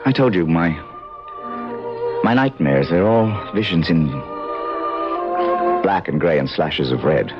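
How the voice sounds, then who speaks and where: An actor playing a bitter, self-loathing, moody young painter in a radio mystery drama. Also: male voice, low-pitched, animated, slow, pauses often. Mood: brooding, haunted. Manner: sardonic, moody. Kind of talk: 1970s radio mystery acting. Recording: muffled old radio recording with music.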